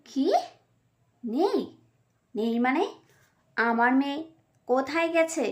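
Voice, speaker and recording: A woman's voice: high-pitched, slow pace. A woman doing a bellowing cartoon father. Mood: alarmed. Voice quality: bellowing, insistent. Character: loud, demanding anxious father. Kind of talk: cartoon voice acting. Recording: faint music behind.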